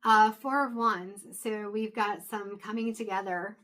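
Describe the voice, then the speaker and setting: A tarot reader gives a casual, intuitive reading to camera, talking through her thoughts with fillers and restarts. Her middle-pitched voice is getting thin and hoarse, and she stops now and then to clear her throat.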